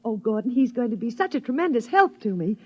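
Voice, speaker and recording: An actress playing a practical, coaxing, determined housewife in a 1950s radio drama, brisk and persuasive, on a muffled old recording. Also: female voice, on the high side, sing-song. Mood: cheerful, coaxing.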